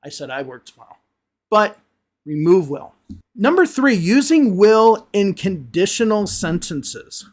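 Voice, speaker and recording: A man with a Chicago American accent teaches an online English lesson. His voice sits fairly high for a man, and he leans hard on key words and repeats them for emphasis. He keeps checking in with the viewer as he explains. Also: sing-song, measured pace, darkish tone. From United States (Chicago). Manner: emphatic, repeats words for stress, asks "okay?" and "right?".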